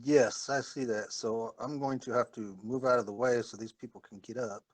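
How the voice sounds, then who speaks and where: A man's voice: mid-range voice, steady tone, normal speed, dry recording. A man playing a tabletop game, hesitantly checking the rules before acting. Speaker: player. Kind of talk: tabletop role-play.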